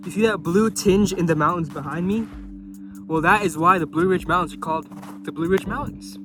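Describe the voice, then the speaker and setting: A man's voice: high-pitched, brisk, music in the background. A young man vlogging a mountain hike, enthusiastically explaining geology and nature outdoors. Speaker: travel vlogger. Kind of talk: educational hiking vlog.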